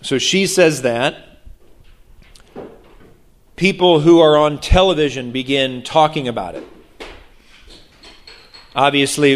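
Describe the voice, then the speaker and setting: A man preaching about prayer, telling a story with animated acted-out voices. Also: mid-range voice. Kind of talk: sermon on prayer.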